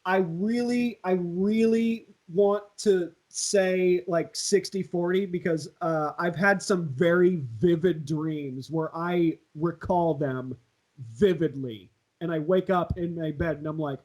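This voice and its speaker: A man's voice: sits high, takes it slowly, darkish tone. A man with a Southern California accent chatting casually and slangily on a podcast, in a laid-back way. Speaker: podcast host, aspiring voice actor.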